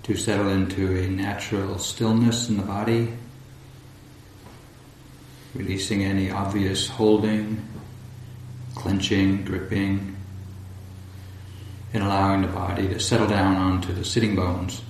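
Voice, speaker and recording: His voice low and unhurried, a man teaches a guided meditation, pausing at length between short, deliberate phrases. The setting is a large indoor room at a retreat, and the audio sounds roomy with faint noise in the background.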